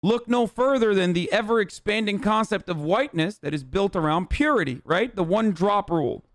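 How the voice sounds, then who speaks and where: A man's voice: high-pitched, lively intonation, moderate pace, no echo, clean studio sound. A male livestream host on a heated, profane rant, talking angrily and with heavy emphasis.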